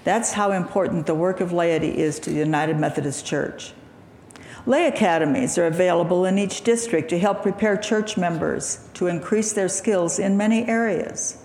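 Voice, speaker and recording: A woman lay speaker giving an earnest sermon in a church sanctuary, with a throaty, gravelly morning voice. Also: on the low side, a little mellow, slight background noise. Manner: measured, earnest preaching with throat clearing. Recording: echoey hall reverb, faint ambience.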